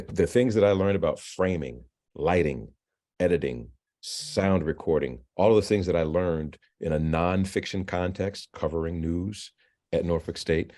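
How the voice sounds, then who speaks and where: A man in his fifties, interviewed about his career, talking in a halting way with frequent restarts and repeated words. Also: very deep voice, dark tone. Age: 50s. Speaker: filmmaker and novelist, alumnus guest. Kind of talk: interview, conversational. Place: virtual interview.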